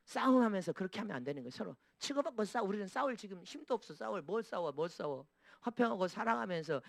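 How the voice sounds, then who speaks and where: Fast, high-voiced preaching man. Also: dry recording, studio quality. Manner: emphatic, repeats phrases and asks the congregation for responses. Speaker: pastor. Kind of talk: preaching a sermon.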